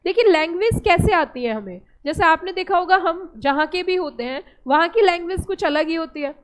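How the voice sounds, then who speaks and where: A woman's voice: extremely high pitch, expressive, brisk. A young woman with an Indian accent giving a classroom lecture, explaining step by step and putting questions to her students. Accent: Indian English. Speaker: teacher.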